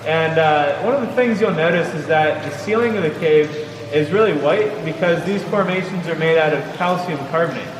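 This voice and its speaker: Male cave-boat guide, higher register, informal and explanatory; picked up from a distance with cave echo. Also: moderate pace. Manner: casual, chuckling, explanatory. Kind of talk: informal guided tour commentary. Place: inside a water-filled cave on a tour boat. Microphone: vlogger's camera, away from the speaker. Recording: echoey cave, distant mic, noisy background.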